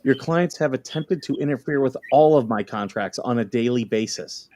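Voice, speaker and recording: A man's voice: medium pitch, moderate pace, a little mellow, no echo, natural voice. A man playing a defensive, indignant plaintiff in a dramatic deposition reading, with hammy, sarcastic emphasis. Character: defensive, indignant male plaintiff under questioning.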